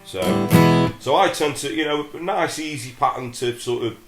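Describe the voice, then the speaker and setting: A middle-aged Englishman with a head cold speaks in a nasal, slightly high voice at normal speed, chatting casually through a guitar lesson. As a relaxed, chatty guitar teacher, he uses lots of fillers. The sound is roomy, with a loud acoustic guitar.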